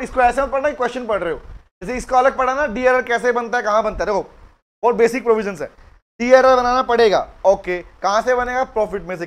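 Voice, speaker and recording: A middle-aged law lecturer with an Indian English accent and a very high, somewhat bright voice teaches a live class. He dictates notes slowly in a mix of Hindi and English and calls on students by name.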